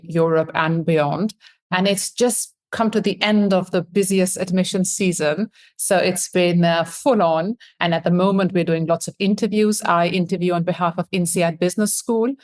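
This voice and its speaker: A woman in her thirties from Pakistan, an admissions consultant answering interview questions in a friendly, reflective way. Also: fairly low pitch.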